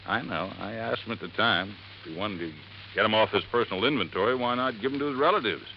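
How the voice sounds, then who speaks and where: A low, gravelly male voice talks fast, playing an earnest, folksy middle-aged handyman at a desert resort. It's a 1950s radio drama, and he rambles in a plainspoken drawl. The old recording is muffled with a faint hiss.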